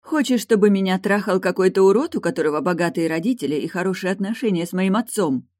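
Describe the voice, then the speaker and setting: A woman's voice: medium pitch, lively intonation, a little fast, mellow, voice pushed up, lightly acted. A woman reading an audiobook voices a headstrong young princess in love, eager and insistent. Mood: angry.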